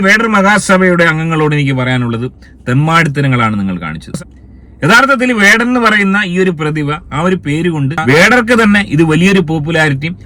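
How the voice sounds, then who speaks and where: A man's voice: on the high side, a bit bright. A man hosting a commentary video, scolding and indignant, firing rhetorical questions in a heated opinion rant. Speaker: commentary channel host.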